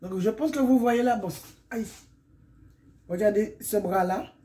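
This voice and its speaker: A hoarse, middle-aged woman from Guadeloupe chatting casually in a vlog, rambling and often wrapping up her points. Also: mid-range voice, measured pace, warm tone. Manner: chatty and rambling, often sums up with "donc voilà". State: hoarse from illness. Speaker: vlogger.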